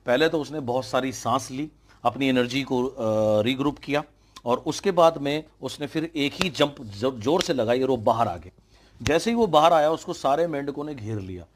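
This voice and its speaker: A man's voice: medium pitch, moderate pace, a little hiss or hum. Man, motivational speaker, storytelling, emphatic, code-switching. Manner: emphatic, mixes English phrases into the talk.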